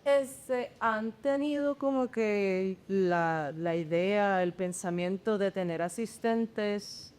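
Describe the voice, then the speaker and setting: A young woman, a student in the audience, asks the panel a question. She hesitates and mixes in English words as she speaks, with an ordinary pitch. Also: slow pace, hardly any pauses, a little mellow, clean tone.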